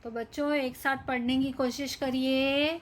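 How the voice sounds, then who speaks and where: A woman teacher giving a children's reading lesson, stretching out each word slowly and asking the class to repeat. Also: sits high, steady tone. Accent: Hindi. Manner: slow, drawn-out word-by-word reading with repeated questions. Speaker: primary school teacher.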